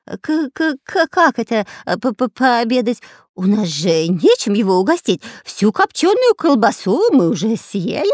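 A woman's voice: a little high, very animated, unhurried, dry recording, studio quality. A woman reading a storybook aloud and voicing a cowardly, whining male pirate spy who panics and stammers. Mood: stammering. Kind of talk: audiobook character voice.

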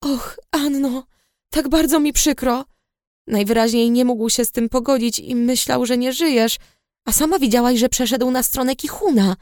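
A woman's voice: sits high, normal speed, darkish tone, no room sound, studio quality, close to an everyday voice. Woman doing a tearful young best friend. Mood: sorry.

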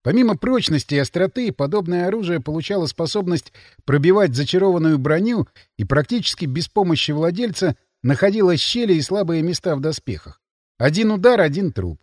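A man narrating first-person fiction in an expressive, dramatic reading. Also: on the high side, dry recording, clean studio sound. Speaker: audiobook narrator.

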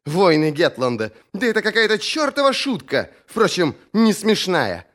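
A man's voice: high voice, sing-song, moderate pace, a bit bright, voice pushed up. A man doing a blunt, mocking warrior woman. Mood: scornful. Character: sharp-tongued, fierce young woman warrior. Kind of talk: audiobook character voice.

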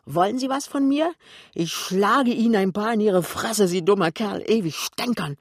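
A man's voice: a little high, fairly even intonation, normal speed, breathy edge, no room sound, clean studio sound. A man voicing a nervous young male salesclerk who speaks curtly and in anger. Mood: furious. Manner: curt, angry.

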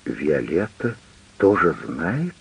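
A man with a gravelly, husky voice voicing an indignant, hurt middle-aged wife who argues with her husband in an audiobook. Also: deep voice, huge pitch swings, slow, heavily acted, poor audio. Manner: reproachful, heated, pleading.

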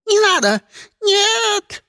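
A man voicing a frightened captured egg that wails and pleads in a high shrill voice. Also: sing-song, extremely slow, bright, forceful tone, dry recording, studio quality, full character voice. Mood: terrified.

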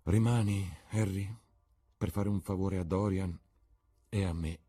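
A man's voice: sits low, steady tone, unhurried, mellow, breathy edge. A man doing a grave, subdued painter. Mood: earnest.

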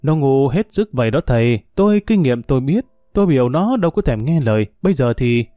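A man's voice: medium pitch, very animated, mellow, no room sound, clean studio sound, close to an everyday voice. A man putting on a bitter drunk old woman. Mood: boastful. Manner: coarse, grumbling, slow drawling monologue. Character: bitter drunk older woman cursing men.

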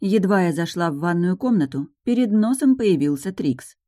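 A woman narrating a first-person audiobook in a calm, even reading. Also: lowish voice, normal speed.

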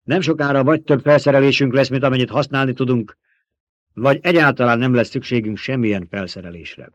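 A man voicing a commanding young male desert war leader who barks sharp orders, in a dull lo-fi audiobook recording. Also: medium pitch, dry recording, voice pushed up, close to an everyday voice. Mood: firm.

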